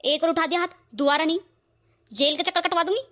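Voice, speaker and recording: A woman voicing a quick-tempered young wife who scolds and shouts sarcastically in a cartoon. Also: extremely high pitch. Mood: angry. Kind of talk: cartoon voice acting.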